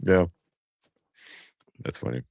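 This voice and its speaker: A man's voice: takes it slowly, a little mellow, dry recording, studio quality. A man hosting a casual live chat show, laughing often and rambling loosely between topics. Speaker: podcast host.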